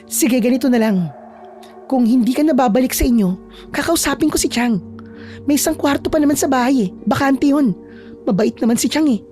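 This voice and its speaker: A woman voicing a feisty young woman who is a loyal friend, talking in a brisk, scolding but reassuring way. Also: high voice, warm tone, soft background music, natural voice. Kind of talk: storytelling with acted dialogue.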